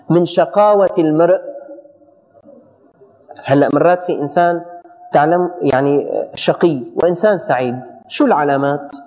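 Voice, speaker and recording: A man giving a colloquial religious lesson, animated, often stumbling and repeating words for emphasis. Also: on the high side. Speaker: religious teacher. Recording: dull audio with long hall reverb.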